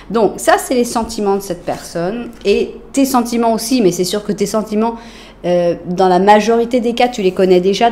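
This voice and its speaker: A woman with a French accent doing a casual tarot reading, talking straight to her viewers with lots of fillers and often dropping to a soft murmur as she lays out cards. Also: medium pitch, a little hiss or hum. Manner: chatty, addresses viewers directly, many fillers. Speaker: tarot reader.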